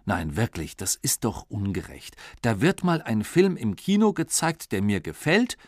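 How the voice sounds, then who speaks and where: A man's voice: on the low side, very animated, measured pace, no echo. A man voicing a cheeky little schoolboy who pleads and wheedles. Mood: pleading. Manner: whiny, wheedling.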